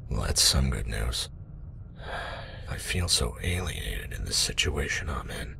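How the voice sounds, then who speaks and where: A man's voice: extremely low pitch, lively intonation, measured pace, creaky, sharp tone, slight background noise, heavily acted. A man playing a disoriented pilot woken from long sleep, brooding and questioning in scripted game dialogue. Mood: downcast.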